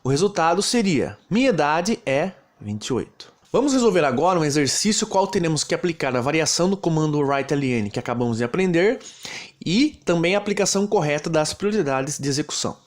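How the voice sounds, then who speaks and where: Brazilian male teacher, slightly high voice, lively delivery, methodical step-by-step lesson narration. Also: a little fast. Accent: Brazilian Portuguese. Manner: steady, explains step by step. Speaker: programming teacher.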